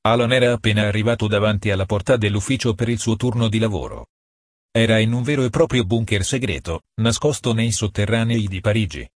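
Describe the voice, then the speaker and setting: A man reading a novel aloud as narrator, in a steady, measured way. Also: on the low side, dry recording, clean studio sound. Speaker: audiobook narrator. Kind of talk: scripted narration.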